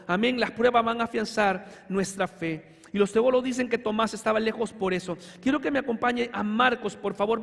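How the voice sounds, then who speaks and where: A man preaching a sermon as pastor, fervent, with sudden shouts and slow emphatic lines. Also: high-pitched, gravelly. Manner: addresses congregation as hermano, asks for amen. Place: church sanctuary. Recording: hall reverb in a church.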